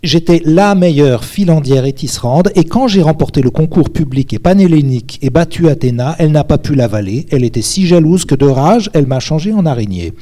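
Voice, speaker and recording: Proud, gossipy spider who resents the gods, a man reading the part; warm and dark. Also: fairly high pitch, lively intonation, a little fast, few pauses, close to an everyday voice. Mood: boastful. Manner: talkative, boastful. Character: proud, chatty female spider Arachne, scornful of gods.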